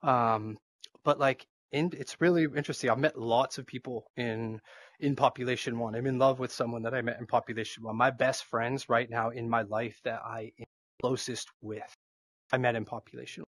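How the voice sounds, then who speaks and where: A man's voice: medium pitch, moderate pace, no echo. A man with a Boston accent, chatting as a guest in a casual interview, rambling with lots of fillers. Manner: rambling, filler-heavy, animated.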